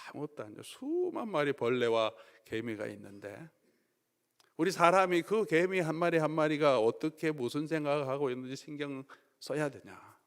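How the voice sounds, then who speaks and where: A man preaching a sermon as pastor, swinging from loud emphatic peaks to quiet asides. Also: on the high side, expressive, normal speed. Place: church sanctuary. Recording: long reverb of a church hall.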